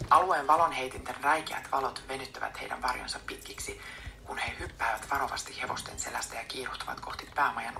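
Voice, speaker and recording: Woman, whispered storybook reading, bright edge, low and gravelly. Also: a little hiss or hum. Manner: soft unvoiced whisper. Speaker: audiobook reader.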